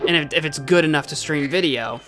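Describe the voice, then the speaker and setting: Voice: medium pitch, a little fast, over loud music. A game livestream host chatting casually with viewers, playful and rambling, often repeating phrases.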